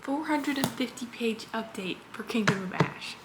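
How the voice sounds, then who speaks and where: A woman's voice: a little high, lively intonation, moderate pace, over loud music. A young woman in her twenties chatting casually in a reading vlog, gushing and filler-heavy. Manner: chatty and gushing, full of "like" and "literally". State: slight lisp from a retainer. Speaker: book vlogger.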